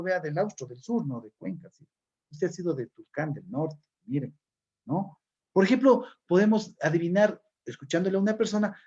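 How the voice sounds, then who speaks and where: A man's voice: high voice, a little mellow, slightly rough. A man giving a classroom lecture, explaining step by step and often checking in with his listeners. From Ecuador. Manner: explanatory, frequent checking questions. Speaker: teacher. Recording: dull lo-fi recording.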